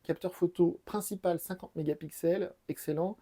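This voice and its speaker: A man's voice: high voice, fairly even intonation, normal speed, mellow. A middle-aged man, a former phone salesman, explaining in a casual, chatty way and repeating his key points. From France. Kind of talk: casual buying-guide explainer. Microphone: lapel mic.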